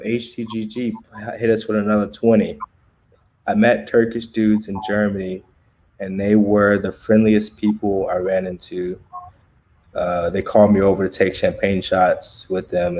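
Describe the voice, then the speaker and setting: A man's voice: fairly low pitch, little pitch movement, moderate pace, a little mellow. An American man hosting a casual livestream chat, laid-back and laughing often, talking in loose slang. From United States. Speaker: livestream host.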